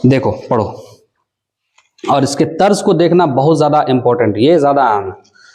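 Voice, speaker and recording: A man's voice: mid-range voice, expressive, darkish tone. A man teaching a Quran reading class, spelling out syllables and stretching them into a nasal sing-song. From South Asia. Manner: drawn-out syllables. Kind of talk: spelling-out recitation lesson.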